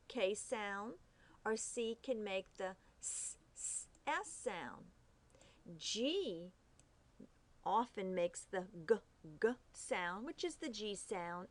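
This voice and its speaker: A woman teaching a phonics lesson, carefully saying each letter sound and repeating it. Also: medium pitch. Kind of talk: slow, deliberate phonics lesson.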